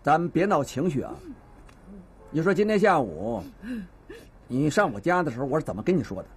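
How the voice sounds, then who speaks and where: A man's voice: fairly high pitch, sing-song, a little fast, creaky. An actor in his fifties playing a patient, fatherly neighborhood police officer with a Beijing accent, lecturing and mediating a quarrel in a TV drama. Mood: coaxing. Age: 50s. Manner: patient, lecturing mediator who scolds and coaxes. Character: seasoned middle-aged male beat cop, stern yet fatherly. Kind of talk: TV drama acting.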